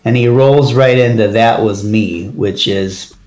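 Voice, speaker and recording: A man with a lowish voice talks through an album track by track in an easy, enthusiastic way. His voice rings a little in an echoey room. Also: a little slow, darkish tone, muffled recording, faint music behind. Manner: enthusiastic, leads the track order and asks his partner's view. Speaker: podcast co-host reviewing an album. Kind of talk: casual chat.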